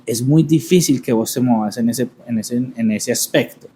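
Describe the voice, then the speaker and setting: Man, podcast host, reflective, halting, repeats words. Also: mid-range voice, warm tone, husky. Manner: thoughtful, halting, repeats words while searching. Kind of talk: reflective conversation.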